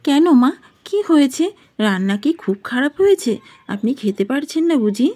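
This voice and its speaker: A woman voicing a meek young daughter-in-law in a cartoon story, gentle and anxious. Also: high voice, animated, moderate pace, pitched above the performer's own voice. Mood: worried.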